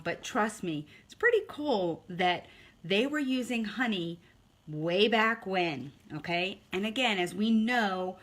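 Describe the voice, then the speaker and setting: Lady doing a live health chat online, casual, keeps saying okay, mid-pitched. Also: fairly bright tone. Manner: chatty, greets viewers by name, frequent "okay?". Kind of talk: casual live-stream talk.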